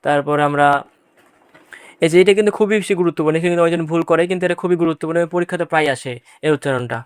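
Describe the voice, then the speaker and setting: A man's voice: fairly high pitch, rapid-fire, clear, resonant tone, dry recording, clean studio sound. A man teaching a pronunciation lesson to students, patiently repeating each example word and stressing the points that often come up in exams. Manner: addresses students directly, stresses what is important. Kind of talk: exam-prep lesson on Bangla pronunciation.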